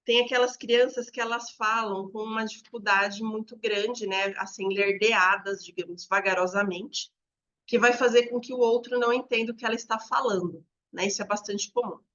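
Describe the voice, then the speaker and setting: A woman's voice: a little high, fairly even intonation, moderate pace, a bit bright, highs cut off. A woman educator, explaining to teachers and demonstrating examples aloud.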